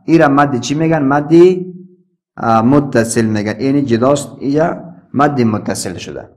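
A male teacher with an Afghan Dari accent leads a recitation lesson at a mid-range pitch. He drags out each letter and vowel sound, then chants the verse in a sing-song line. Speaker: Quran teacher.

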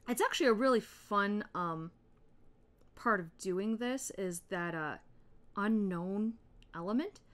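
A woman in her thirties hosting an art tutorial, chatting in a relaxed way while she colors, with soft murmured asides. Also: mid-range voice, unhurried. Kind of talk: casual chat while coloring.

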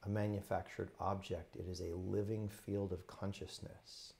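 A man with a fairly low, creaky voice and little pitch movement guides a meditation. Like a teacher leading students through a practice, he speaks gently and unhurriedly, offering short phrases separated by pauses.

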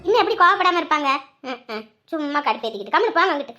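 A woman voicing a sharp-tongued, hard-working village wife and mother, quick with dismissive retorts. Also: sits high, sing-song, dull audio, soft background music, exaggerated voice. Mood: snappish.

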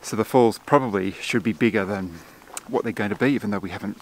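A man's voice: fairly low pitch, fast talker. A man in his forties, a photographer explaining his shoot in a chatty vlog to a handheld camera outdoors. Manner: chatty, explanatory, with frequent fillers. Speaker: landscape photographer. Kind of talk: casual vlog narration to camera. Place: outdoors in a forest and on a gorge lookout. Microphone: camera mic at arm's length.

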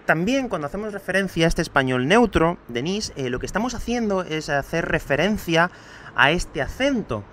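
A man's voice: fairly high pitch, sing-song, moderate pace, a bit bright, a little hiss or hum. A man from Andalusia with a light Spain Spanish accent, teaching a podcast lesson and patiently explaining while addressing the listener directly, recorded on his outdoor home terrace. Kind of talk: podcast lesson answering student questions.

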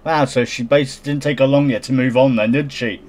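A man riffs on an odd news item, reading it aloud and tripping over the words. He breaks into giggles and throws in sarcastic jabs. His voice sits at an ordinary, middle pitch for a man. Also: steady tone, fast, a little mellow. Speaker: commentator reacting to a news story. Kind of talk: casual reaction commentary.

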